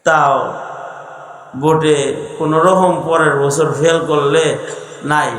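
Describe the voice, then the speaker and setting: A man's voice: on the high side, little pitch movement, takes it slowly, fairly bright tone. A man preaching a sermon, calling on the crowd to answer and chant, often half-singing his phrases. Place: outdoor religious gathering with loudspeakers. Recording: echoey PA sound.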